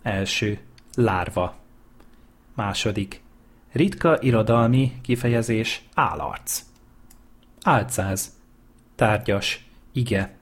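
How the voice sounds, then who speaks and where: A man reading dictionary entries aloud in a measured, list-like way. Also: lowish voice. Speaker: dictionary reader.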